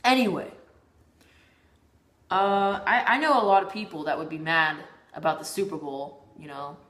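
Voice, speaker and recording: A woman's voice: deep voice, steady tone, normal speed, a bit bright, echoey room. A woman vlogging in a casual, rambling monologue, often stumbling and repeating her words.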